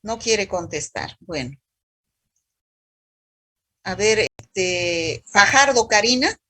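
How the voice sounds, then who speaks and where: Stern husky woman teacher on a video call. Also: medium pitch, expressive, takes it slowly, pushed and bright, no echo. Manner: stern, scolding, calls students hijita. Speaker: university microbiology teacher. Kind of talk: online class roll-call quiz.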